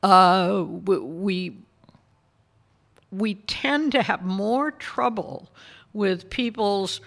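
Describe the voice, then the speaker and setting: An older woman minister answering interview questions in a measured, thoughtful way, explaining things patiently. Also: medium pitch, gravelly.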